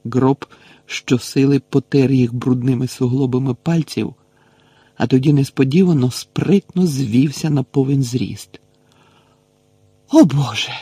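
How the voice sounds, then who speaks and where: A man reads a novel aloud in measured, even storytelling. His voice is dark, husky and gravelly. The recording is dry and close. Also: medium pitch, dry recording. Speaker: audiobook narrator. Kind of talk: audiobook narration.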